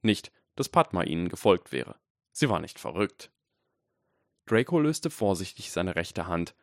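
A man narrating a fantasy audiobook chapter in an expressive, dramatic storytelling manner. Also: sits low, no room sound, studio quality. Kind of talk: scripted narration.

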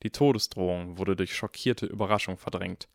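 A man reading a fantasy novel aloud as audiobook narrator, steady and expressive. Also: deep voice, normal speed, gravelly, no echo, studio quality. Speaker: audiobook reader. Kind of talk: scripted narration.

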